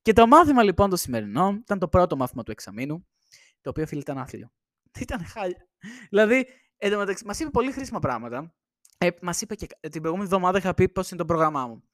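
Chatty young man, high voice. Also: big pitch swings, fairly bright tone, dry recording, studio quality. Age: young adult. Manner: chatty, rambling, laughs often. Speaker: podcast host. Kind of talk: casual chat. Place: indoors at a home. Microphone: shared single microphone.

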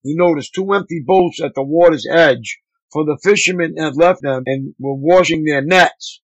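A male pastor reading scripture aloud at a steady, measured pace. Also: on the high side, dry recording, dull audio.

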